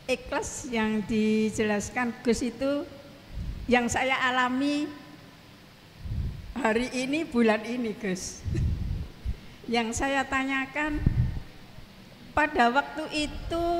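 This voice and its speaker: A woman's voice: high voice, slow, long pauses, a little hiss or hum. Earnest woman telling her story in a hall. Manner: earnest, keeps addressing the teacher respectfully. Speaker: congregant asking a question. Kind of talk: telling a personal story to a teacher. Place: study hall at an Islamic boarding school. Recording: long reverb, faint ambience.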